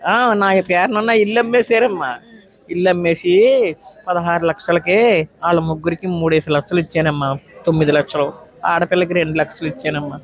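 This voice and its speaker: A woman's voice: on the low side, steady tone, a little fast. A woman in her nineties, an elderly petitioner, giving a long, pleading account of her grievances in an interview. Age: 90s. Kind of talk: emotional interview testimony.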